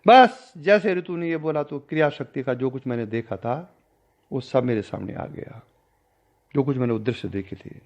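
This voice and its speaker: An older man, a spiritual teacher, recounting a personal story in a discourse and acting out the dialogue with changing pitch and loudness. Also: moderate pace. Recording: dull lo-fi recording.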